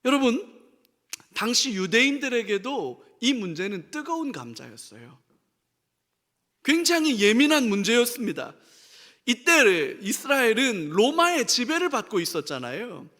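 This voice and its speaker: High, lively male preacher in a hall. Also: measured pace. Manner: animated, asks the congregation questions, acts out quoted voices. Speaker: senior pastor. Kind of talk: sermon. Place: church sanctuary.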